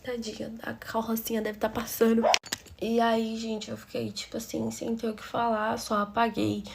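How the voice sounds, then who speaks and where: A woman's voice: a little high, completely flat delivery, normal speed, gravelly, very noisy. A woman with a Brazilian Portuguese accent narrating a personal story for her channel in a confiding, emotional way.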